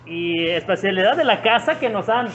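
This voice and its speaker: A man's voice: sits high, lively intonation, moderate pace, a bit bright, dull audio. Chatty Mexican man filming a restaurant. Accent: Mexican Spanish. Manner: chatty, greets people by name, repeats phrases. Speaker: vlogger showing a restaurant. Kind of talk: casual walk-around narration. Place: open-air roadside restaurant.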